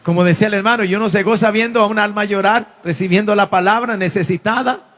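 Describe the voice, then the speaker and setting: Fervent high-voiced male pastor preaching. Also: fast. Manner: fervent preaching that swells to shouts. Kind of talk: impassioned sermon.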